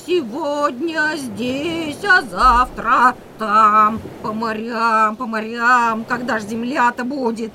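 A superstitious, boastful yet easily frightened chatterbox from a children's audio drama. The voice is high and bright, unhurried, with homely, fussy exclamations. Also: female voice. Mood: bragging. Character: excitable, superstitious, folksy chatterbox, boastful but easily scared.

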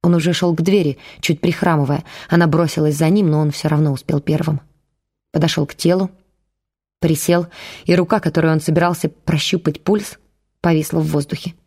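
Low, mellow-voiced female audiobook narrator. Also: fairly even intonation. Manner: measured, dramatic storytelling.

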